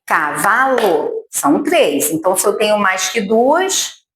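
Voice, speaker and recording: Slow, patient Brazilian woman teaching. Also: mid-range voice, sing-song, a bit bright. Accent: Brazilian Portuguese. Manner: slow and patient, syllables drawn out, frequent check-ins with the viewer. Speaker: speech therapist teaching parents and teachers. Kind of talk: slow, deliberate instructional demonstration. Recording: echoey room with faint noise.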